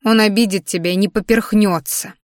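A woman's voice: medium pitch, steady tone, a little fast, no room sound, clean studio sound, close to an everyday voice. A woman voicing a worried aunt in her late thirties who scolds and pleads with her niece in an audiobook. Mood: pleading, scolding.

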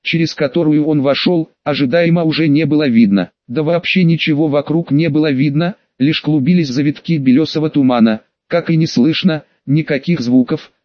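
A man reading an audiobook in a measured, even storytelling manner, close to the microphone. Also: a little high, no room sound, highs cut off. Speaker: audiobook narrator. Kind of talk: scripted audiobook narration.

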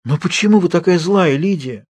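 A man reading an audiobook, voicing a naive, timid young girl patient who speaks softly and pleadingly. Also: fairly high pitch, expressive, fast, breathy edge, no echo, voice pushed up. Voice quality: soft, pleading.

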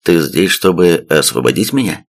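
A man's voice: deep voice, expressive, moderate pace. A man voicing a dazed, drugged young captive in an audiobook.

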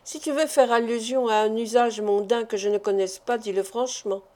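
A woman reading an audiobook, voicing a jealous, proud young man who is quick to anger and asks pressing, impatient questions. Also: fairly high pitch, steady tone, darkish tone, lightly acted.

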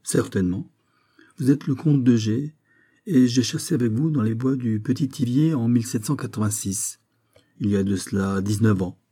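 A man playing a calm, dignified gourmet magistrate. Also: medium pitch, moderate pace, close to an everyday voice. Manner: tranquil, dignified. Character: calm witty older male gourmet magistrate.

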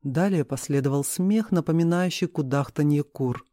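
A man reading a first-person novel aloud in a steady storytelling delivery. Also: on the high side, moderate pace, no room sound, clean studio sound. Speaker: audiobook reader.

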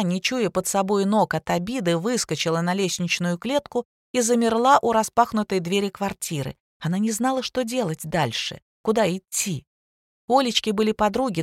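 A woman narrating a scripted story in a steady, even manner. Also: mid-range voice, no echo, clean studio sound.

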